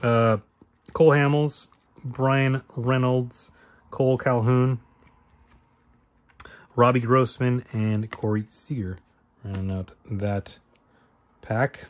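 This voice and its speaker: A man's voice: mid-range voice, steady tone, slow pace, pauses often. Male host, casual card-break chatter, self-correcting and rambling, mid-range voice. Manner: rambling, self-correcting, talks to himself while listing names. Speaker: card-opening channel host. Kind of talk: casual card-opening commentary.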